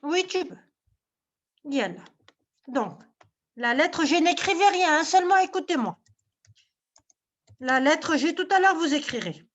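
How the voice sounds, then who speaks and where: A woman teacher giving an online class, speaking slowly and patiently and checking in with "ok?" after each point. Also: sits high, expressive, highs cut off.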